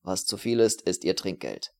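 A man voicing a terse, grim male refugee, speaking a bit lower than his narration, with a dry clipped manner. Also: very animated, moderate pace, gravelly, darkish tone, exaggerated voice.

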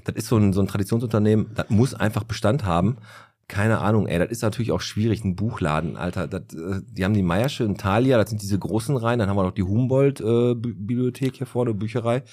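A man's voice: fairly low pitch, quick pace, darkish tone. A man co-hosting a podcast in casual chat, often laughing and acting out voices in his anecdotes. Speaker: podcast co-host.

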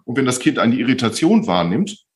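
A man who works as a speech therapist, calmly and patiently explaining as a podcast guest, often repeating phrases to stress them. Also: medium pitch, fairly quick. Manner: calm, patient explaining with frequent repetitions.

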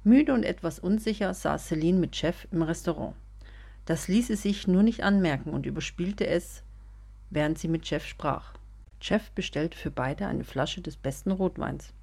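A woman narrating a serialized German audio story in a calm, even reading voice. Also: on the low side, moderate pace, gravelly, husky. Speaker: podcast storyteller.

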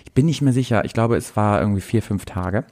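A man with a fast, darkish voice on the low side co-hosts a comedic podcast. In this casual chat he tells stories playfully and laughs often.

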